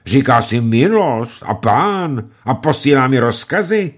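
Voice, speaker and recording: A man's voice: medium pitch, big pitch swings, pitched above the performer's own voice. A man voicing a furious, blustering nobleman lord who bellows threats. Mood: raging.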